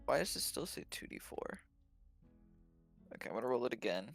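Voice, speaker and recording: A man's voice: mid-range voice, big pitch swings, a little fast, gravelly, soft background music. A man playing a tabletop game, thinking aloud in a hesitant way with many fillers as he works through his turn. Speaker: player. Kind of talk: casual tabletop game play.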